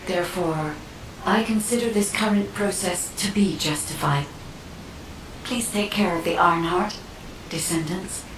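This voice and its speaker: A woman voicing a composed, solemn artificial guide in a video game, with measured, formal speech. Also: fairly low pitch, close to an everyday voice. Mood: calm, solemn. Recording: roomy, distant, clearly noisy ambience.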